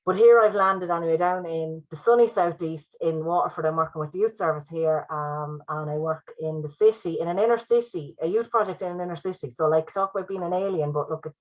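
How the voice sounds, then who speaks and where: A youth worker with a notably low voice, talking casually and loosely on a panel. The video call audio sounds dull and muffled. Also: female voice, brisk, few pauses. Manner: chatty, filler-heavy. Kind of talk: panel talk, personal story.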